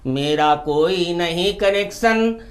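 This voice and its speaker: A married woman in her forties, fed up with her husband, pours out her complaints in a slow, sing-song comic poem, sung by a man in his own voice. The melody stretches each line, and the tone sits fairly high. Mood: complaining.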